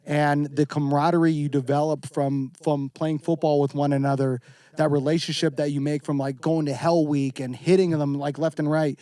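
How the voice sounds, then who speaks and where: A man talking as a guest on a casual podcast, animated and profane, slipping into mocking voices. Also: a little high, normal speed. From former Navy serviceman.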